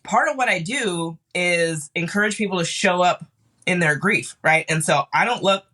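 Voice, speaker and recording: A woman guest on a podcast, grieving and tearful, talking haltingly with many restarts. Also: lowish voice, pushed and bright. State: grieving, cried off and on. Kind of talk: casual chat.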